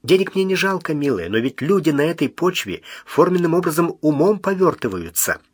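A man's voice: fairly high pitch, very animated, fairly quick, breathy edge, no echo, clean studio sound, voice pushed up. A man voicing a stern, ironic navy admiral who speaks in a commanding voice with a metallic edge. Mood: serious. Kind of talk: audiobook character voice.

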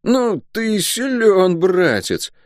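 A man voicing a boisterous, cheeky male soldier and gambler who talks in loud, excitable exclamations. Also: on the high side, moderate pace, no room sound, studio quality, pitched above the performer's own voice. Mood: amazed.

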